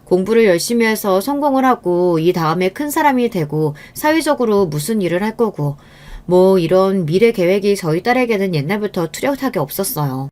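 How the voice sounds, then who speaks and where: A middle-aged woman telling a first-person story in a calm, confiding, rueful tone. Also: mid-range voice, normal speed. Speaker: story narrator.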